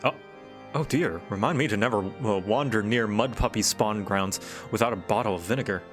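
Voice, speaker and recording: A man's voice: fairly low pitch, a little fast, faint music behind, pitched below the performer's own voice, close to an everyday voice. A man voicing courteous, weary fantasy knights and camp folk, reading game dialogue in formal, old-fashioned phrasing. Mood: courteous, wry. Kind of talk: read-aloud game dialogue.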